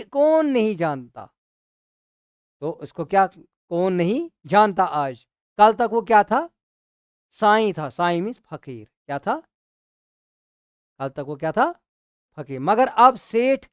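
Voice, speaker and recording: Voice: medium pitch, clean tone, no room sound, clean studio sound. A teacher explaining a school drama chapter line by line, often repeating phrases, asking the listener questions and slipping in English glosses. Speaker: Urdu teacher.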